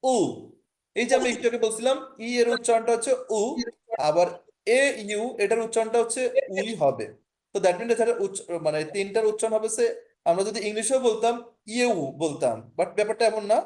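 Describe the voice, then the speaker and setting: Fairly quick and high-pitched, with a darkish tone, this man's voice carries a Bangladeshi Bengali accent as he runs a language lesson online via video call. He patiently explains, repeats key points, and checks in with students often to see that they follow.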